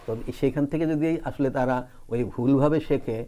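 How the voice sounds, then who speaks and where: Academic guy, warm mellow voice, slow careful lecture tone. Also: medium pitch, steady tone. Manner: deliberate, lecturing. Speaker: guest scholar. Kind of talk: academic discussion.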